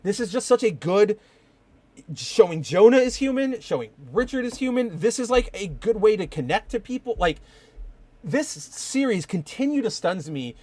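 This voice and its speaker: A man's voice: high-pitched, very animated, moderate pace, a little mellow, no room sound. A young man hosting a casual live-streamed podcast, rambling and enthusiastic, full of fillers. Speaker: podcast host.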